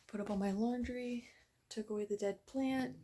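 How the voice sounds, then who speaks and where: A woman's voice: a little high, fairly even intonation, normal speed, dark tone. A young woman chatting casually to her camera at home in her first vlog, rambling with plenty of fillers. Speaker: vlogger.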